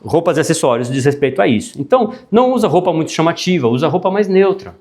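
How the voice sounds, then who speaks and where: Guy teaching a speaking class, kinda high voice, lively, keeps going "tá?" and cracking jokes. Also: fast. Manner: animated, frequent tag questions, jokey asides. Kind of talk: classroom lecture.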